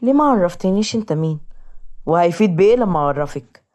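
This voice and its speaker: A woman's voice: on the low side, expressive, fast talker, darkish tone, close to an everyday voice. A woman voicing an insistent, flustered young husband, with an Egyptian accent. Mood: tense.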